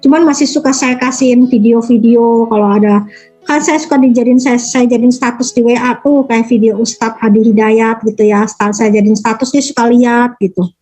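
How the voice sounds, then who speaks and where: A woman in her forties tells her story in a loose, chatty way, her voice sitting high. She slips into livelier voices when she quotes people. Soft music plays faintly behind her. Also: steady tone, normal speed, rough recording. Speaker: interviewee. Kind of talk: casual storytelling.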